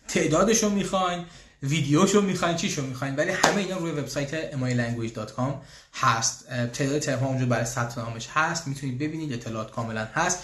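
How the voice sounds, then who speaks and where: A man hosting a casual live question-and-answer session for his language school, chatty, pausing often with fillers and restarts. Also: medium pitch, fairly bright tone, echoey room. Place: room in Austria, church bells heard.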